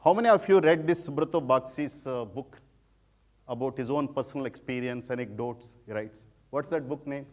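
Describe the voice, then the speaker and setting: A man's voice: medium pitch, moderate pace, a little mellow. A middle-aged man with a heavy Telugu Indian accent, giving an informal public talk and repeating words for emphasis. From rural village in India. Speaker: guest speaker, former civil servant turned social entrepreneur.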